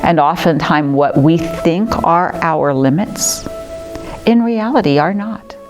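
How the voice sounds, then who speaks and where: A woman teaching a chair yoga class in a gentle, encouraging and soothing way, with music playing behind. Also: low voice, slow. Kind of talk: guided class instruction. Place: community arts center class room.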